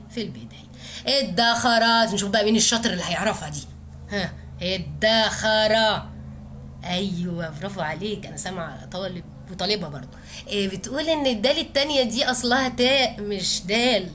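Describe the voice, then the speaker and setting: A woman's voice: medium pitch, a bit bright, a little hiss or hum. A woman teacher with an Egyptian Arabic accent, giving a grammar lesson. She asks her pupils questions and praises their answers.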